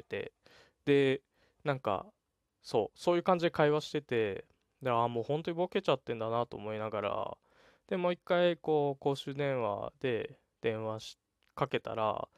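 A young man in his twenties casually telling a story on his solo talk show, animated and chatty, acting out the quoted lines. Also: medium pitch, no room sound, clean studio sound. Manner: chatty, animated retelling with laughs and voiced quotes. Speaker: podcast host.

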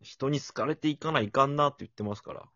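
A man's voice: medium pitch, quick pace, pushed and bright, no room sound. A man co-hosting a casual talk podcast, playful and self-mocking. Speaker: co-host. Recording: slightly muffled lo-fi audio.

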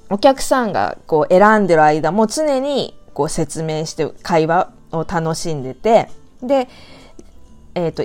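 A woman hosting her own talk channel, telling a story in a chatty, animated way and drawing out her sentence endings. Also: medium pitch. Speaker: talk show host. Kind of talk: casual storytelling monologue.

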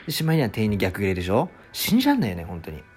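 A man's voice: on the low side, huge pitch swings, racing, darkish tone, faint music behind. A man hosting a casual solo talk show, ranting in exasperation and acting out customers' lines. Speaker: podcast host, former restaurant part-timer.

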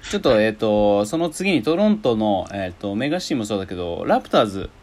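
Laid-back male podcast host, lively pitch. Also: fast. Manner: relaxed, frequent nods, drifts low and soft at phrase ends. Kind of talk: casual chat.

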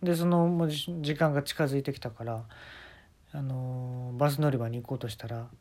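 A man's voice: medium pitch, a little fast, darkish tone. Kansai man, casual comic storyteller, dry and exasperated, phone-mic podcast. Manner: exasperated, wry complaining. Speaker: podcast host.

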